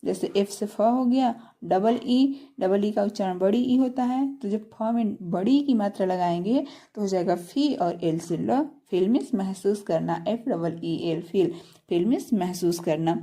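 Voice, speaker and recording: A woman teaches English spelling and pronunciation in a patient classroom manner. Her voice is gravelly and dark. She slows right down to spell words letter by letter, then repeats each meaning. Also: mid-range voice.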